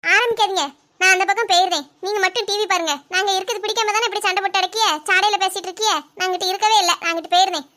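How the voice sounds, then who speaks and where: A woman's voice: extremely high pitch, fairly even intonation, very fast, pushed and bright. A woman doing an indignant young cartoon daughter-in-law. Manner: indignant, complaining, talks back.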